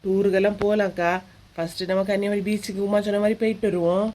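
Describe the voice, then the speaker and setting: A woman's voice: medium pitch, level tone, fast, warm tone, close to an everyday voice. A woman with a Kanyakumari Tamil accent voicing a sulky, easily upset young village woman in a cartoon. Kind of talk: cartoon voice acting.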